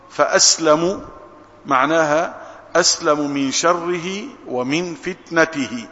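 Man, Islamic preacher, emphatic measured delivery, raised voice, reverberant muffled recording. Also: a little high, bright, forceful tone. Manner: measured, emphatic, slows on scripture quotes. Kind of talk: religious lesson. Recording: dull recording with long hall reverb.

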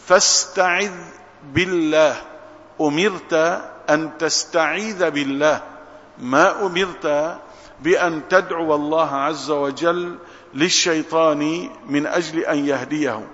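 Measured man preaching in echoing hall. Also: fairly high pitch, a bit bright. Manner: measured, emphatic, slows on scripture quotes. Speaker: Islamic preacher. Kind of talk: religious lesson. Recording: dull recording with long hall reverb.

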